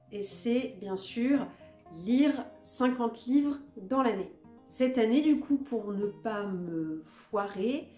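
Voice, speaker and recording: A woman vlogger with a somewhat high, mellow voice, chatting about books in an easy, self-mocking way. She is recorded in an echoey room, with soft guitar music playing faintly behind her. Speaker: book vlogger. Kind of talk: casual chat about a reading list.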